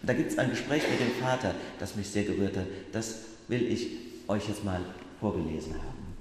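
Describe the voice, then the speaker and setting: A man's voice: fairly low pitch, lively intonation, normal speed. A man preaching as pastor, speaking straight to his listeners and asking them questions. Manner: addresses listeners directly, asks them questions. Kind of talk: sermon about a book. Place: church. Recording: echoey church hall from a distance.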